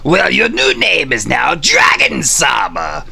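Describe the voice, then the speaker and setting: A man playing a gloating, hate-filled villain overlord in a theatrical, drawn-out, bellowing way for a fan audio drama. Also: medium pitch, huge pitch swings, gravelly, bright, forceful tone, exaggerated voice.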